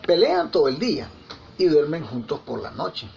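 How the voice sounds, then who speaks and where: A man's voice: a little high, sing-song, moderate pace, gravelly, a little mellow, a little hiss or hum. A man preaching a conversational sermon, telling anecdotes with frequent tag questions and repeated words. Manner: repeats and restarts words often. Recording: slightly dull lo-fi with faint ambience.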